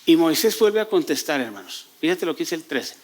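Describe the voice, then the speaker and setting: A man's voice: on the high side, expressive, brisk. A male pastor from Mexico preaching a sermon in church, reading scripture aloud and asking the congregation questions before answering them himself. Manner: reads scripture aloud and paraphrases it.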